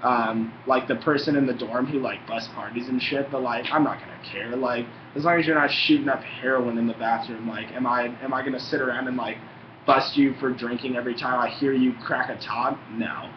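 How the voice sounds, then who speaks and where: A man's voice: medium pitch, fairly even intonation, fairly quick. Young man talking with a lip full of dip. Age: young adult. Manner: laid-back, frequent swearing. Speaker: tobacco review vlogger. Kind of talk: casual rambling chat. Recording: muffled, roomy, faintly noisy home recording.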